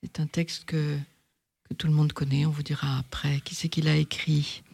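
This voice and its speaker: Hesitant talk-show host, husky and creaky, dry close mic. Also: medium pitch, level tone, normal speed, a little mellow, no room sound. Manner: hesitant, many restarts. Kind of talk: hosted radio talk.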